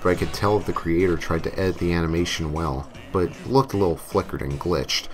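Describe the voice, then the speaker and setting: Speaking a little fast in a low voice, a man narrates a scripted story in a tongue-in-cheek manner, at times hamming up his lines. Music plays behind him, a mix of novelty songs and game music.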